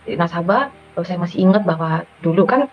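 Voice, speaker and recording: A woman's voice: on the low side, animated, fairly quick. A middle-aged woman with a Madurese accent gives an emotional personal testimony and keeps calling her listeners "Saudara". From Madura, Indonesia. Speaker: testimony giver. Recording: dull lo-fi audio with faint music.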